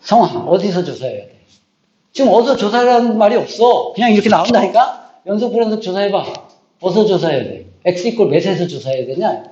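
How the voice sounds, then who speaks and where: A man teaching high school math in a classroom, bluntly ranting and quizzing students with repeated prompts. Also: expressive, a little fast, warm tone. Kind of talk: classroom lecture. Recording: echoey classroom, dull lo-fi sound.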